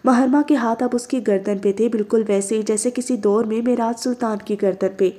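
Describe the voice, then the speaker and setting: A woman reads a novel aloud with expressive storytelling. Her voice sits fairly high yet sounds mellow and warm. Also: fairly quick. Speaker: narrator. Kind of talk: dramatic reading of a novel.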